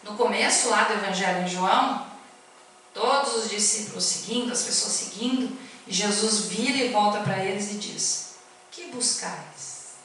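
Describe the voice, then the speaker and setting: A woman's voice: medium pitch, normal speed, a bit bright, recorded from a distance, a little hiss or hum. Chatty woman lecturing in an echoey hall. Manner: chatty, asks the audience questions. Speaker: spiritist lecturer. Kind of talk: informal spiritist talk. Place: spiritist centre hall. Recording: echoey hall, speaker off-mic.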